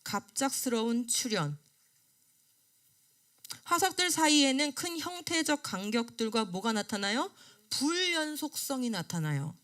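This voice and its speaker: A woman's voice: on the high side, a little slow. A middle-aged woman giving a classroom lecture, asking the class questions and answering them herself. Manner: lively, rising and falling delivery. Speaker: creation science lecturer. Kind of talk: classroom lecture on a study book.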